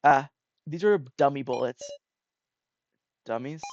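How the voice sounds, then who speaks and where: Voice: mid-range voice, animated, takes it slowly, slight background noise. A streamer voicing a slightly nerdy young male survivor while reading game dialogue over a playthrough. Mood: explaining. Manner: in-between voice, unlike the heroine's. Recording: slightly dull lo-fi mic. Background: game music.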